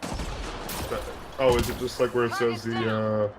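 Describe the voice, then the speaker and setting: A man talking casually over a voice chat, his voice warped into a distorted, demonic-sounding tone by a bad sample rate. He speaks at a middling pitch and hesitates a lot, asking short tech-help questions. The line carries a clear layer of noise. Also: level tone, unhurried. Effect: distorted demonic-sounding voice from a wrong sample rate. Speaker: friend on a voice call. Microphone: voice chat over the internet.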